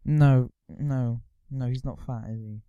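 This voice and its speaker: Smooth-voiced man, rambling podcast banter. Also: medium pitch, steady tone, unhurried, mellow, no echo, lo-fi sound. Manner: rambling, swearing, mock-announcer asides. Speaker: podcast co-host. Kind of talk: casual banter with a friend.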